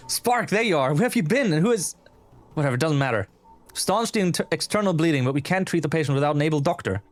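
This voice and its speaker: A man voicing a bossy, impatient female shark nurse in a game, sharp and sarcastic. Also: on the high side, expressive, brisk, faint music behind, lightly acted. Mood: impatient, scolding.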